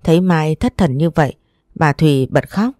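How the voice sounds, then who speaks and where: A woman reading an audio story aloud, narrating and voicing every character in one steady voice. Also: low-pitched, normal speed, dry recording, clean studio sound. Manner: reads all parts in one steady voice.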